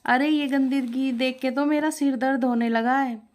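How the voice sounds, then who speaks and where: A woman's voice: medium pitch, unhurried, close to an everyday voice. A woman voicing a grumpy mother-in-law who scolds and complains about a pet parrot. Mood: irritated.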